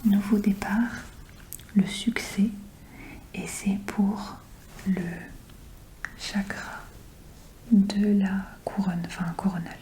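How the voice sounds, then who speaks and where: A woman doing informal, soft-spoken ASMR show and tell in a breathy whisper, close and intimate as if right in the ear. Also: mid-range voice, fairly even intonation, takes it slowly, pauses often, a little hiss or hum. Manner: informal, chatty. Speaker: ASMR video creator.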